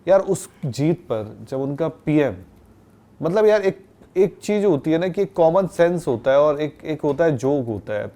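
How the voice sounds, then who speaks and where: A man's voice: a little high, lively intonation, a little slow, mellow. A man co-hosting a cricket talk show, mocking and scornful in casual panel chat.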